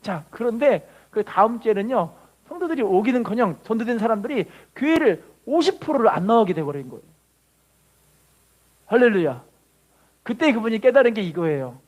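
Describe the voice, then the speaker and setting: High-voiced preaching pastor. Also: male voice, big pitch swings, moderate pace. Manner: call-and-response preaching with frequent hallelujahs; preaches with dramatic rises in pitch and volume. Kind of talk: sermon.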